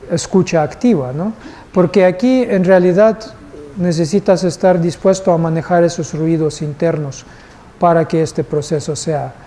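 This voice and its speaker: A man's voice: high-pitched, dark tone. A male instructor teaching a live class, patient and asking the group questions. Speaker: course instructor.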